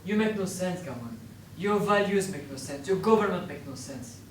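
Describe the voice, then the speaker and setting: Defiant captured fighter, played by a man, accusing and bitter; slightly high voice, distant echoey stage sound. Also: animated, moderate pace, a little hiss or hum. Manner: accusing, rhetorical questioning. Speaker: stage actor. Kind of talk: stage play acting. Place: theatre stage. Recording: echoey room from far off.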